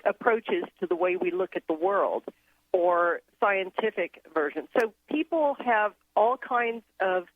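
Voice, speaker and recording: A woman who grew up in Thailand, a guest on a radio show, explaining her ideas in an earnest, steady way. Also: medium pitch, a little slow, dry recording. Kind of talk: casual radio interview. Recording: tinny phone line.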